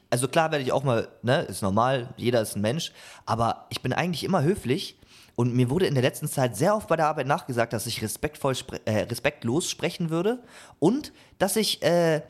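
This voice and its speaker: Young man telling a lively story. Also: on the high side, slightly rough. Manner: animated storytelling, acts out quoted exchanges. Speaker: podcast co-host. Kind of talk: casual chat.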